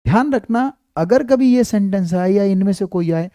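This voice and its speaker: Patient male Hindi grammar teacher, dark. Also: high-pitched, expressive, dry recording, clean studio sound. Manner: patient, repeats example sentences slowly. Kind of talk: online class lesson. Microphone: clip-on mic.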